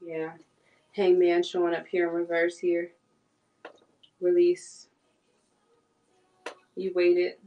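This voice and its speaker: A woman's voice: on the low side, monotone, takes it slowly, long pauses, dark tone, muffled recording. A woman giving a live tarot reading, now and then voicing what the cards' figures would say. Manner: speaks for the cards' figures in quoted asides. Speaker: tarot reader.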